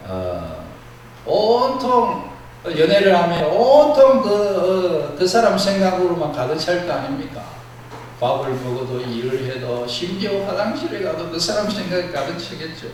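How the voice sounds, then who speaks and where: A man preaching a sermon as a pastor with a Gyeongsang accent, plain-spoken and blunt, swinging between loud emphatic bursts and soft low asides. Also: sing-song, unhurried. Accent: Gyeongsang Korean. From Gyeongsang region, South Korea. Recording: very echoey hall, mic far off, faint noise.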